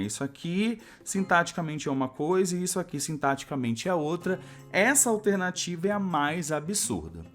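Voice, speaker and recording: A man walks through a grammar lesson for exam candidates, taking each point step by step. His pitch rises and falls a lot as he checks in with his listeners. A faint bed of music plays under his voice. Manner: explains step by step, often adds a checking "tá?". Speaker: grammar teacher.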